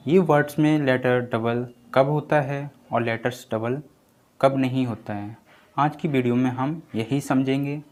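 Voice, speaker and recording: A man's voice: mid-range voice, measured pace, a little mellow. A young man teaching pronunciation rules in a patient lesson, repeating each rule several times. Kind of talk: slow explanatory lesson.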